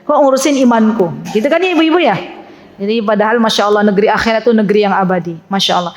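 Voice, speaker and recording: A woman preacher giving a lively religious lecture to women, often asking her listeners questions. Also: mid-range voice, racing. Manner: lively, animated, talks directly to her audience with questions. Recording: echoey hall with long reverb.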